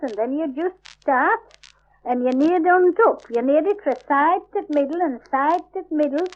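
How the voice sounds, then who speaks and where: An older woman with a broad, old-fashioned Yorkshire accent, explaining step by step in homely, informal dialect. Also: sits high. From Yorkshire, England. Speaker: home baker, dialect speaker. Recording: dull lo-fi 1950s archive recording.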